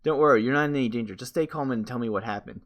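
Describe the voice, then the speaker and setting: A man reading as a calm reassuring nurse. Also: medium pitch, very fast, lightly acted.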